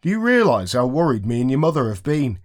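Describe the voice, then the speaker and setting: A man's voice: mid-range voice, big pitch swings, fast talker, pitched above the performer's own voice, close to an everyday voice. Storybook father, read by a man, stern and scolding, firm voice.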